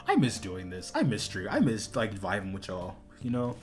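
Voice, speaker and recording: A man's voice: fairly low pitch, wildly swooping pitch, normal speed, soft background music. A young man streaming a video game, chatting casually and rambling, laughing often and saying dude and like a lot. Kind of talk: casual gaming stream chat.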